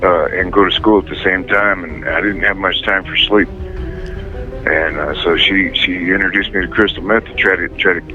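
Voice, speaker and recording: A man in his fifties speaking haltingly with many pauses, calling in over a prison phone line. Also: low voice, steady tone, pushed and bright, faint music behind. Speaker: inmate guest calling in.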